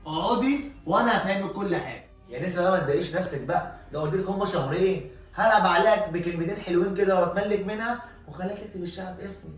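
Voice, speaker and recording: An actor with an Egyptian accent playing a scheming young husband, talking roughly and scornfully, recorded in a very echoey room from a distance. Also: male voice, sits high, racing, soft background music, lightly acted. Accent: Egyptian Arabic. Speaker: husband Hossam.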